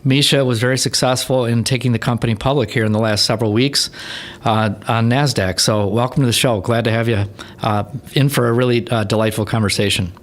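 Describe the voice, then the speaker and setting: A man's voice: medium pitch, steady tone, brisk. A man hosting a podcast interview, introducing his guest with enthusiasm and the odd filler. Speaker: podcast host.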